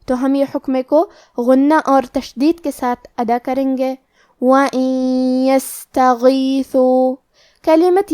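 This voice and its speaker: A woman's voice: high-pitched, warm tone, no room sound, studio quality. A woman with a Pakistani Urdu accent teaching tajweed, explaining each rule step by step in a methodical way. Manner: methodical, explains each rule then recites the word slowly. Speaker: Quran recitation teacher. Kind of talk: tajweed lesson explaining pronunciation rules.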